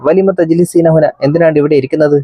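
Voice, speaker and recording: A kind policeman questions a lost girl, read aloud by a male teacher. His Kerala-accented voice rises a little higher and more inquiring than plain talk. The sound is close and dry, with no room echo. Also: fairly even intonation, fast, breathy edge, muffled recording. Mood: concerned.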